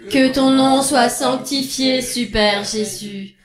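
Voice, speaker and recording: An actress playing an adoring cult follower in a comic radio serial, reciting prayers solemnly in an echoing space. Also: female voice, high voice, slow, crowd noise. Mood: reverent. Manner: solemn, reverent chanting. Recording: roomy echo with group behind.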